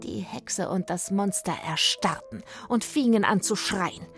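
A woman's voice: medium pitch, unhurried, soft background music. Woman reading a children's story. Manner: expressive, sometimes hushed.

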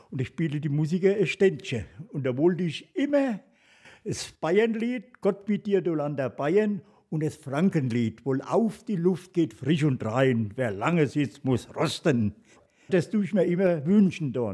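This is an elderly man. His voice is husky and mellow, pitched a little high for a man, and he rambles along casually, repeating little filler words as he answers. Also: big pitch swings, unhurried. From Lower Franconia. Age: 80s. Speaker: interviewee.

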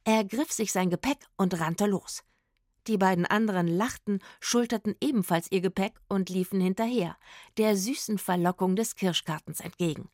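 A woman tells a children's audio story with lively narration. Her voice sits at a middle pitch, and the recording is close and dry. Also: moderate pace, dry recording.

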